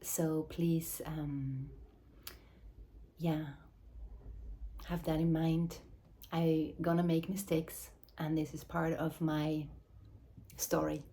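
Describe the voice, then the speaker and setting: A woman from Switzerland, speaking English as an in a slow, searching, reflective address, often dropping into soft whispers. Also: low voice, level tone. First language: Swiss German or Dutch. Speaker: mother and movement teacher. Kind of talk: reflective spoken address to camera.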